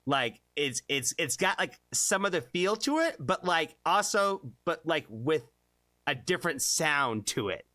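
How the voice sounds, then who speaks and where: A man's voice: on the high side, big pitch swings, a little slow, bright, forceful tone, no echo. A young man hosting a music reaction channel, chatting casually and rambling with many fillers and restarts. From born in Japan, left as an infant.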